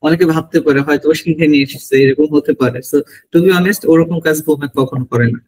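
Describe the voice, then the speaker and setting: Male host on a video call; husky, higher-pitched voice, formal and measured questioning. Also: steady tone, a little mellow, rough recording. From Bangladesh. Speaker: host of visa coaching session. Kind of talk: online interview.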